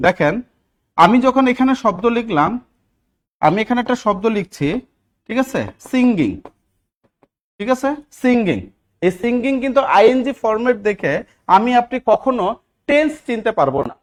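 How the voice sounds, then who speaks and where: A man's voice: extremely high pitch, lively intonation, a little fast. A man teaching English grammar in a live online class, often asking his students questions and repeating key words. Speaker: English teacher for job exams.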